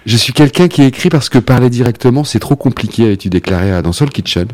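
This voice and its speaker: A man hosting a radio interview show, relaxed, with frequent fillers and easy laughter. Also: medium pitch, fast talker.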